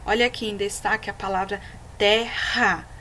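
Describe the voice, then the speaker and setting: A woman's voice: mid-range voice, steady tone, bright, forceful tone, a little hiss or hum, rough recording. A woman, a teacher giving a recorded slideshow lesson for children, patient and didactic, checking in often with her listeners. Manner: slows down and stresses words when reading examples aloud.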